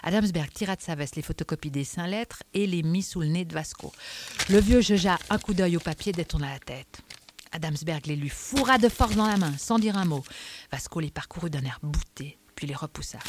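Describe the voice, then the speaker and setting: A woman narrating a novel aloud in a quiet, subdued, measured way. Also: lowish voice, lively intonation, slight background noise. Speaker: audiobook narrator.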